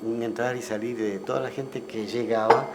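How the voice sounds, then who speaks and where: A man's voice: medium pitch, normal speed. Older man telling stories. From Ecuador. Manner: relaxed storytelling, frequent tag questions. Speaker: guest musician. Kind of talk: casual interview conversation. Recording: clear background noise.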